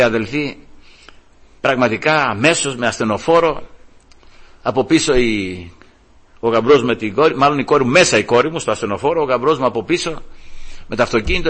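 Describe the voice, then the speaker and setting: An older man, a grandfather, preaching and telling a heartfelt story to his congregation, warm and emotional with many restarts. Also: medium pitch. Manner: emotional, animated, restarts often. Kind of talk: storytelling sermon.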